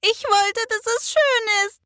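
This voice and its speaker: A woman voicing an angry little girl fox with a high, shrill voice in a children's story. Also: slow, bright, forceful tone, no echo, heavily acted. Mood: furious.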